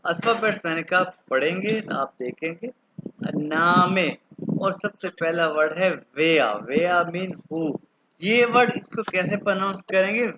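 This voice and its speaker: A man in his thirties from Pakistan teaching an online German class, patiently repeating words slowly for pronunciation. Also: high voice, muffled recording, background noise. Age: 30s.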